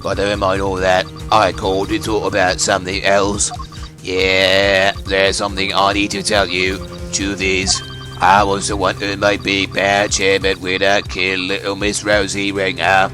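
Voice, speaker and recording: A man voices a gloating, mocking caller for a fan game voice-over, his tone smug and teasing through a voice changer over a phone line. The low, pushed-down voice is completely flat and sharp, at a measured pace, with faint music behind.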